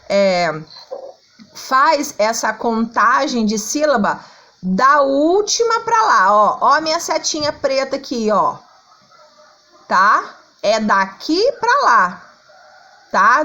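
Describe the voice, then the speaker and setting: Brazilian woman, primary teacher, high and lively, unhurried, patient, drawn-out syllables. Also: poor audio. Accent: Brazilian Portuguese. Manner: slow, patient, sings out syllables to show stress; checks in often with "tá?" and "ó". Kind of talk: online lesson for schoolchildren.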